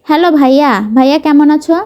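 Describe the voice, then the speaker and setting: A woman's voice: high voice, fast, dull audio, lightly acted. Woman voicing a cheerful young sister. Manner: lively, affectionate.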